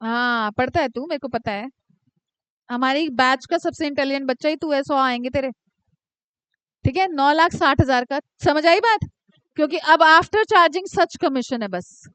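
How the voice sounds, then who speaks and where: A woman teaching commerce to a class, dictating questions slowly and teasing students by name. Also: sits high, fairly bright tone, dry recording. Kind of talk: live classroom lecture.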